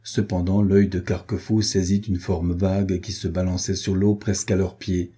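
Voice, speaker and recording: Male audiobook narrator, very dark and husky tone, even measured reading. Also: low-pitched. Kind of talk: scripted narration.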